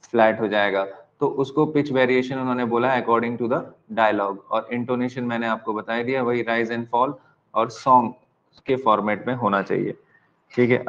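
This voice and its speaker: Teaching exam prep, this Indian-accented man switches between Hindi and English while dictating at a slow pace. He says important lines more than once and spells terms letter by letter. His mid-range voice is slightly bright, though the recording's highs are cut off.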